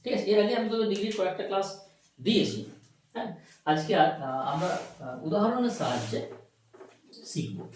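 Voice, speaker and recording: Male teacher, high lively voice, spells words out slow, mic far off in a really echoey room. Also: a little hiss or hum. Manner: asks students questions, then answers them himself; spells words out slowly and repeats them. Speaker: English grammar teacher. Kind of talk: classroom grammar lesson. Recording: very echoey room, recorded from afar.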